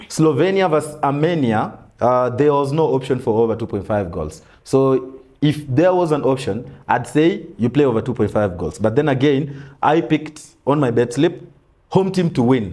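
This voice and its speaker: A young man hosting a sports betting-tips show in a small studio, running through picks in a relaxed, casual way. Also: mid-range voice. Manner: relaxed, lists picks with frequent "mm" backchannels. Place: small studio in front of a brick wall backdrop.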